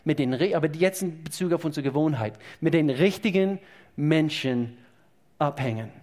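A man's voice: on the high side, normal speed, darkish tone. A man preaching a sermon to his congregation, emphatic and repeating key phrases as he speaks to them directly. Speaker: pastor. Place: church service.

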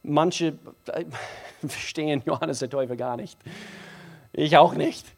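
A man preaching a sermon, emphatic and repetitive, moving from hushed passages to loud, driving emphasis. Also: on the high side, a little slow, gravelly. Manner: emphatic, repeats phrases, builds from hushed to loud.

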